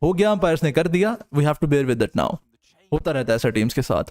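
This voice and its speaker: Young male streamer, slightly high voice, tired and jokey. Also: big pitch swings, normal speed, a little mellow. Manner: joking, banters with chat, lapses into crude banter. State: tired from no sleep. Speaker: streamer and caster. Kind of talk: casual chat reading live comments.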